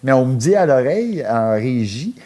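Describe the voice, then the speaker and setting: Brief: man as radio host, rambling, hesitant, mid-pitched. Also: very animated, warm tone. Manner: rambling, halting, full of hesitations. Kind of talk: comic radio call-in parody.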